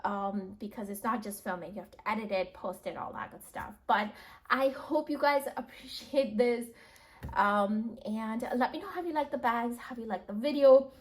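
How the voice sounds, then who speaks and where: A woman's voice: fairly high pitch, normal speed. A heavily pregnant young woman chatting casually to viewers, tired and out of breath, thinking aloud in a hesitant, chatty way. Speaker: vlogger reviewing bags.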